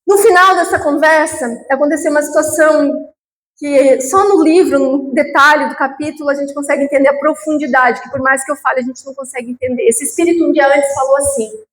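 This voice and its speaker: A woman giving a heartfelt personal testimony as a guest lecturer, slowing into drawn-out pleas and rising to sudden high emotional peaks. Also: fairly even intonation. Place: lecture hall of a spiritual group. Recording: roomy echoing hall with faint background.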